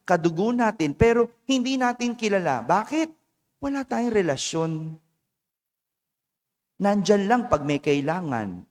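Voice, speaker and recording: A man's voice: on the high side, in a large hall. A Filipino man, a parish priest, giving a chatty homily and often asking the congregation short questions. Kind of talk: conversational homily. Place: church.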